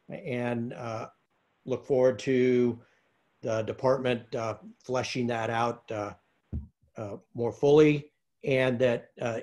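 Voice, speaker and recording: A man giving a public comment at an online meeting, halting and full of fillers. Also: mid-range voice, a little mellow. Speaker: public commenter for a care program.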